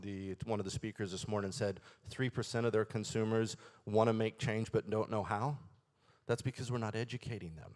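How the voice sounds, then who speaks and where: A man who heads a school, speaking on a conference panel in a steady, earnest way. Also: on the low side. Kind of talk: panel discussion.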